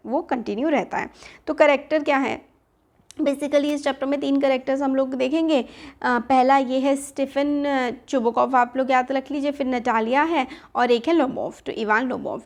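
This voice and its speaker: A woman with an Indian accent teaching an English lesson, reading each line slowly and then explaining it in Hindi. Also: a little high.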